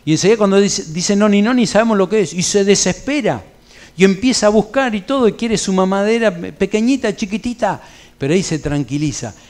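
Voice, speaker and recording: A man's voice: high-pitched, expressive, fairly quick, a little mellow. A middle-aged man with a Rioplatense accent, a pastor leading an evening church Bible study, preaching in a conversational way with homely anecdotes and colloquial asides. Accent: Rioplatense Spanish. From Argentina.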